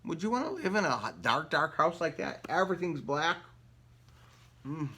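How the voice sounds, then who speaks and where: A man's voice on the high side, very animated and at normal speed, sharp with a breathy edge. He is a children's story reader, playfully reading a picture book aloud and quizzing the little listeners along the way.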